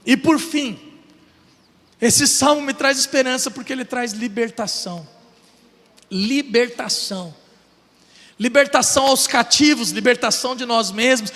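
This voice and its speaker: A man's voice: very high voice, a little slow, long pauses, fairly bright tone. A man with a Brazilian Portuguese accent preaching a passionate sermon, building with repeated phrases and rhetorical questions. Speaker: pastor. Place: church sanctuary. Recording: church hall reverb.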